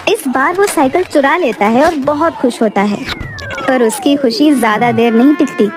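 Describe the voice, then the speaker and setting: A woman's voice: sits high, moderate pace, over music. A woman narrating a cartoon story in a plain storytelling manner.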